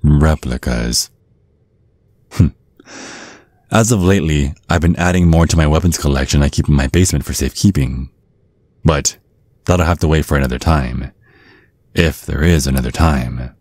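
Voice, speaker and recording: In an ASMR audio roleplay, a man voices a centuries-old vampire father with an extremely low, slightly mellow voice, recorded close and dry with no room sound. Courtly, formal and measured, he sounds polite yet boastful, with menace threaded beneath every word.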